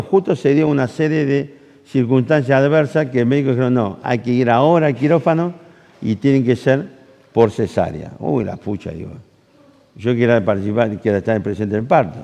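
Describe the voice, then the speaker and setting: A man's voice: mid-range voice, creaky. A man with an Argentine accent preaching a sermon, telling a personal story with acted-out dialogue and questions to the congregation. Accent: Argentine Rioplatense Spanish. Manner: animated storytelling, acts out dialogue, asks the audience questions. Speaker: pastor. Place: church camp hall. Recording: long hall reverb.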